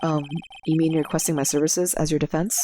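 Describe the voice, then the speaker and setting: A woman's voice: low voice, little pitch movement, fast talker, warm tone, a little hiss or hum. A woman hosting a game playthrough, reading the dialogue aloud with casual asides. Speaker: let's play host.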